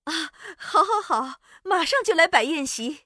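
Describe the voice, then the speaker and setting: A man voicing polite, fussy female court officials with a high, formal manner. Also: very animated, normal speed, pushed and bright, no echo, studio quality, exaggerated voice. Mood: courteous.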